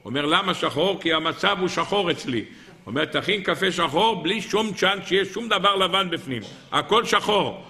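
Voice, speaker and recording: A man preaching a religious sermon, asking his listeners questions and chanting scripture verses slowly. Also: sits high, expressive, bright, forceful tone. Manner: asks the audience questions and answers them, chants verses slowly. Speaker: rabbi giving a Torah lesson.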